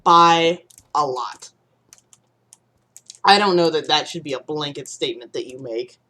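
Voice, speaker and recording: Unhurried, with a low voice that sounds pushed and bright, a young woman from the Midwest chats through a gaming stream. She rambles, curses without restraint, and now and then bursts out in sudden panic.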